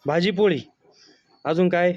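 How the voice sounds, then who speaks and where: A man's voice: high voice, measured pace, darkish tone. Playful man vlogging. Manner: playful, teasing, coaxing. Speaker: vlogger filming his small child. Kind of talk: casual family vlog, talking to camera and toddler. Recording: dull lo-fi phone audio.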